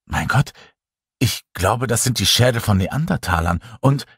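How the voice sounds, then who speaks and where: A man's voice: lowish voice, unhurried, husky, dry recording, clean studio sound, full character voice. A man reading a thoughtful woman scientist. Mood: earnest, puzzled. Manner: thoughtful, explaining calmly. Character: earnest, clever woman scientist.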